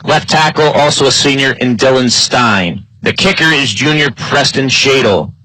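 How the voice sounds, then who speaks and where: An American play-by-play announcer calls a live high school football game broadcast. He talks at normal speed with a sharp tone, and the recording is dry and rough.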